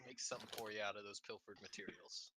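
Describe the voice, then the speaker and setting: A man's voice: fairly low pitch, fairly even intonation, fast, crowd noise. A man playing a tabletop game, joking and teasing the other players. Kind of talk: casual tabletop game play.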